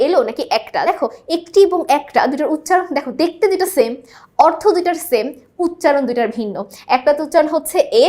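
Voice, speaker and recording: A woman teacher working through exam questions step by step, asking questions and answering them herself and checking that her students follow. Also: high voice. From Bangladesh. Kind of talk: exam-prep lesson, solving multiple-choice questions.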